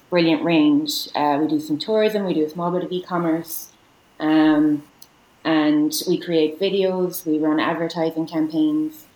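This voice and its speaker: A woman's voice: low-pitched, darkish tone. A woman with a west of Ireland accent, talking casually as an interview guest on a podcast. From Galway, Ireland. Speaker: podcast guest, digital marketing professional. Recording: roomy echo.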